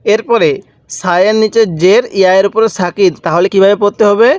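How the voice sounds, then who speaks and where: A man with a fairly high voice leads a patient recitation lesson, stretching each syllable and repeating letter sounds so the listener can follow along. His voice sounds close and dry, with no room around it. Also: fairly even intonation, brisk, a little mellow, no echo. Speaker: Quran reading teacher.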